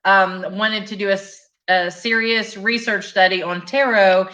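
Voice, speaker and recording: Woman, show host, reads chat comments, agreeable, bright tense voice. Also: mid-range voice, fairly even intonation, measured pace. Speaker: host reading viewer comments. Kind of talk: casual live-stream chat.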